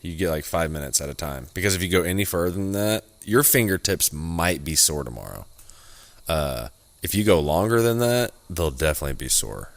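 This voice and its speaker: Sex: man. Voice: deep, animated. Style: loose, profane podcast chatter. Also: brisk, no room sound. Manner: loose, profane, rambling with frequent restarts. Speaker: podcast co-host. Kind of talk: casual chat.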